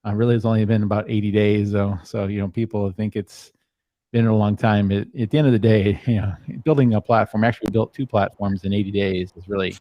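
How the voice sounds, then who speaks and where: A man's voice: on the low side, no room sound, dull audio. A man hosting a casual livestream chat, rambling with lots of ums and uhs. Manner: rambling, filler-heavy. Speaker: founding member and host.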